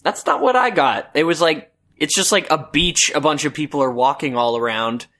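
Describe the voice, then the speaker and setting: A man's voice: a little high, animated, moderate pace, a bit bright. A man co-hosting a podcast, chatting casually about a book and rambling with lots of "like" and "um". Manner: rambling, full of "like" and "um". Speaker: podcast co-host. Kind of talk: casual book-discussion chat.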